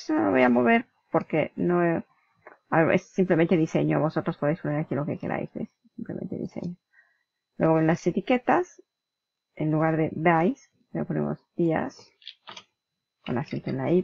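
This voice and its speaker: Lady from doing a screen tutorial, chatty step by step, pretty dry dead sound, a bit of fry. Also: lowish voice, dry recording. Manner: chatty, explains step by step, mimics clicks and flips aloud. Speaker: tutorial host. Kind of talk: screen-recorded software tutorial. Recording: dull lo-fi dry recording.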